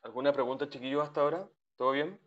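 A man's voice: a little high, rapid-fire. A man teaching an English class over a video call, patiently repeating each sound and checking in with his students. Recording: dull lo-fi call audio.

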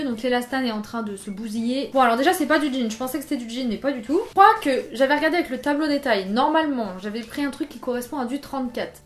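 With a high voice and a roomy acoustic, a young French fashion YouTuber talks breezily through the clothes she's trying on, full of self-mocking humor. She's indoors, lit by artificial lights.

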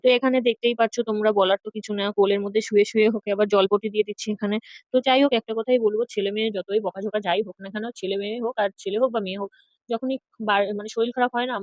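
Young woman, mother vlogger, rapid chatty talk, dry close sound. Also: mid-range voice, no echo. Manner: chatty, talks straight to viewers. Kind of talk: casual home vlog narration. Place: rented home, indoors.

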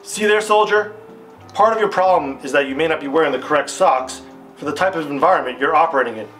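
Playing an army captain in an old-style training film, an American man sounds upbeat, authoritative, assured, and instructive as he delivers formal, didactic scripted lines while guitar music plays beneath. His voice is a bit high with a fairly bright tone, fast, and near his everyday register.

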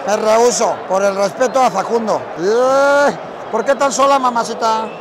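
A man's voice: high voice, normal speed. A man with a Mexican accent hosting a crude, teasing street vlog, joking with fans outdoors. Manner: teasing, profane, chanting, laughing. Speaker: vlogger host interviewing fans. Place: outdoors in a busy crowded street outside a stadium. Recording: loud crowd and street noise.

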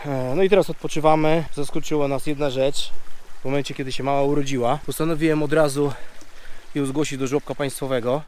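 A man's voice: a little high, fairly even intonation, brisk, darkish tone. A man in his forties from Poland with a slightly nasal voice from a mild cold, chatting casually to camera. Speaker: vlogger. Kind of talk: casual vlog chat to camera. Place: outdoors, open meadow and riverside trees. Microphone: camera at arm's length.

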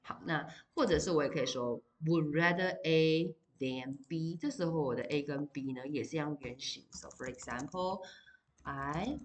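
A woman with a low-pitched voice teaches English vocabulary to high school students. She explains each word patiently in Mandarin, then reads the English example sentences slowly and deliberately. She checks in with the class often as she goes. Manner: addresses students directly with fillers like 好 and 哦. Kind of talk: recorded vocabulary lesson.

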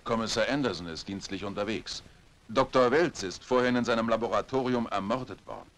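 A man's voice: fairly low pitch, brisk, a bit bright. An actor, a man, playing an earnest, uneasy police detective in a dubbed vintage thriller film. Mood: tense, businesslike.

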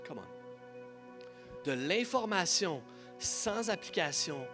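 High-voiced Quebec French pastor preaching. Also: male voice, very slow, over music. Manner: animated preaching, urges congregation to repeat lines. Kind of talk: sermon. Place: church sanctuary.

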